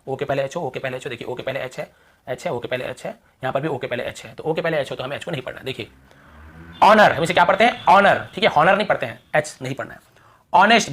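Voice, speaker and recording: A man's voice: fairly high pitch, a bit bright. A man teaching a lesson, repeating rules and example words over and over. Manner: repetitive, drilling examples aloud. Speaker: English teacher. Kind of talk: classroom lesson explaining rules.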